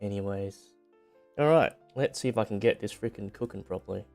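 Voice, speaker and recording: A man's voice: lowish voice, brisk, vocal fry, darkish tone. A man streaming in a casual, rambling, informal way, lightly self-deprecating as he talks to his viewers. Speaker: VTuber streamer on debut stream. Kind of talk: casual livestream chat. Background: background music.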